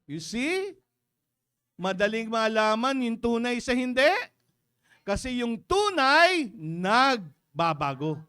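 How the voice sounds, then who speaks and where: A man with a Filipino accent preaching a sermon in a church, mixing in English, calling out to the congregation and swinging between loud exclamations and hushed asides. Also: extremely high pitch, sing-song, slow, smooth. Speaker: pastor.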